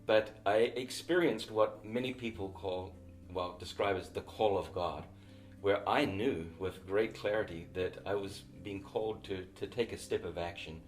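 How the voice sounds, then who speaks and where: A deep-voiced, middle-aged missionary and author from New Zealand shares his story in an interview over soft background music. He speaks with a New Zealand accent, taking his time, reflective, and occasionally restarting a phrase.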